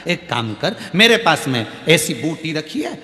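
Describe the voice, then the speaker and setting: A man voicing an old male guru who talks low and coaxing, in an echoey hall with soft music. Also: very animated, a little slow, exaggerated voice. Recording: echoey hall with long reverb, faint music.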